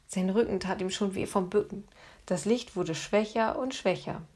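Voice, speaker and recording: A woman narrating a children's storybook in a hushed, suspenseful manner. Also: mid-range voice, moderate pace, breathy edge. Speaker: audiobook narrator.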